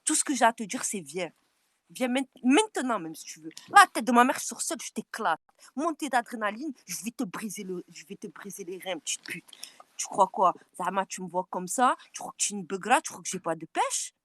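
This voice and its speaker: A woman on a furious, taunting rant, repeating her challenges and swinging between yelling and low, menacing mutters. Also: sing-song, fairly quick, dry recording. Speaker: social media personality. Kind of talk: angry direct-to-camera rant.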